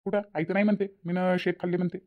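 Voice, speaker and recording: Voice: medium pitch, flat delivery, racing, natural voice. A performer voicing a stubborn, hot-tempered adult son in a cartoon, with a Vidarbha Marathi accent. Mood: scolding. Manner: scolding, stubborn. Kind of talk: cartoon voice acting. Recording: dull lo-fi recording.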